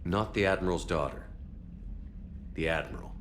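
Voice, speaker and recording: An actor playing a calm, firm, reassuring male military commander in a sci-fi video game. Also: deep voice, moderate pace, a little hiss or hum. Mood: warm, reassuring. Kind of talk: video game cutscene acting.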